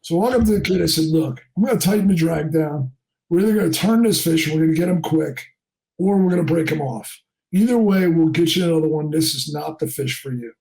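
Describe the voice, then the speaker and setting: A middle-aged charter fishing captain from New Jersey tells a story in a podcast interview and acts out the people in it. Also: male voice, on the high side, fast, creaky, darkish tone. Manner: acts out quoted people in raised voices.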